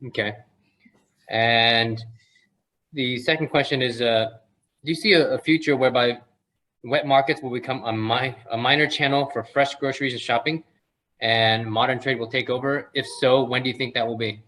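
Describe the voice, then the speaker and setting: A man's voice: medium pitch, fairly even intonation, normal speed, pushed and bright, rough recording. A man moderating a webinar Q&A over a video call, politely thanking the speaker and reading out audience questions. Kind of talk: hosting a Q&A session.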